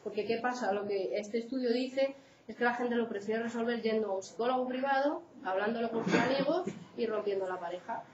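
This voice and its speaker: A woman with a Spain Spanish accent lectures in a casual, conversational way, now and then checking in with her listeners. Her voice sits a little high. The recording is roomy and slightly dull, as in a lecture room. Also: fairly quick, background noise. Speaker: psychologist giving a talk. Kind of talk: informal lecture.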